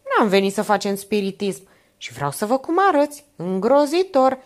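A woman voicing an older aunt, worldly and smoothly polite, who presses with coaxing, insistent questions in an audiobook reading. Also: medium pitch, very animated, pitched above the performer's own voice, close to an everyday voice. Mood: pressing.

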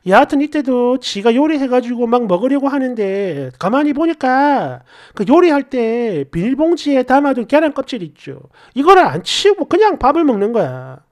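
A woman's voice: sits high, big pitch swings, moderate pace, few pauses, darkish tone. A young woman narrating her own marriage story in a chatty, indignant, confessional way. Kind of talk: first-person story narration.

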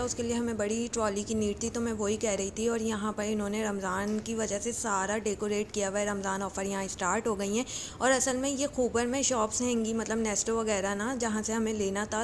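Pakistani woman chatting away in her vlog, fairly high voice, lots of fillers and restarts. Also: a little hiss or hum. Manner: chatty, rambling with fillers and self-corrections. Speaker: vlogger. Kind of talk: casual vlog narration. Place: shops and supermarket, partly voice-over.

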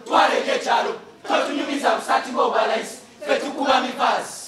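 Guy chanting verse fast w a youth group, big roomy hall, mic way back, crowd all around. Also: extremely high pitch. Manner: declaiming in rhythmic chant, half sung. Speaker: youth poetry troupe performer. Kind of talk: choral poetry recitation. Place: large church hall. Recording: echoey hall, mic far off.

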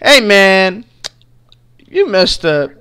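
A man voicing a rude, aggressive male suspect in online game role-play, loud and swearing. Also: high voice, big pitch swings, extremely slow, clean tone, pitched above the performer's own voice, heavily acted. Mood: taunting.

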